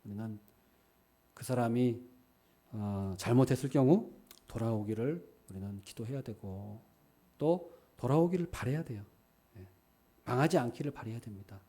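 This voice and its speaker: A man pastor preaching a sermon, animated, acting out quoted dialogue and asking the listeners rhetorical questions. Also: mid-range voice, moderate pace, pauses often.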